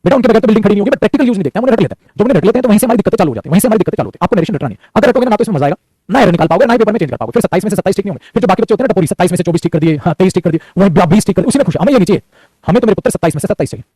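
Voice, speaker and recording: A man a high voice and a very fast, rattling delivery teaches a grammar lesson online. He talks animation and repeats lines as he speaks to his students. The recording is dry and close. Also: lively intonation, mellow, breathy edge, no room sound.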